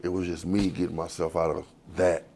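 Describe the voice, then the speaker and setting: Deep gravelly man in his forties. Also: flat delivery, brisk, a little mellow, slight background noise. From Texas. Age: 40s. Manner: loose, rambling, profane street talk. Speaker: interviewee. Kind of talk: candid life story interview. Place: outdoors on the street.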